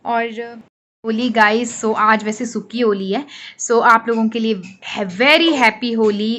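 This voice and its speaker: A woman's voice: mid-range voice, fairly bright tone, a little hiss or hum. Chatty young mother vlogging at home. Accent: Himachali Hindi. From Himachal Pradesh, India. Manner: chatty, mixes English phrases, talks to her baby. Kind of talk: casual home vlog chat. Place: home, indoors.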